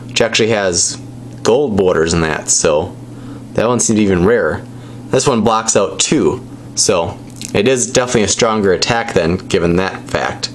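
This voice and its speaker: Male hobby vlogger, low voice, casual off-the-cuff show-and-tell, rambling and a bit unsure. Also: slight background noise. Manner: rambling, tentative explaining. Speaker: presenter opening trading card packs.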